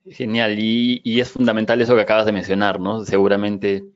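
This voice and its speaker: Male podcast host, mid-pitch, halting question style; dry, muffled audio. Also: level tone, no room sound. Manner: hesitant, many fillers and restarts while framing questions. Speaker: podcast interviewer. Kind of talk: conversational interview. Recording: dry, dull lo-fi sound.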